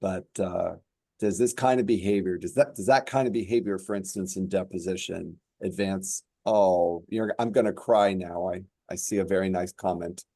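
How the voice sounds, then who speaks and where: A man who is a judge, speaking on a panel in a measured, halting way with many fillers. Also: deep voice, steady tone, mellow, no room sound. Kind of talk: panel discussion remarks.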